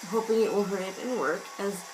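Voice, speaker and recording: A woman with a hoarse, fading voice muses aloud in a loose, self-mocking vlog chat at an average pitch. Rain and thunder sounds play loudly behind her throughout. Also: fast, background noise. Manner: chatty, meandering, self-mocking. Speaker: vlogger. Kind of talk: casual musing vlog. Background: rain and thunder ambience sounds.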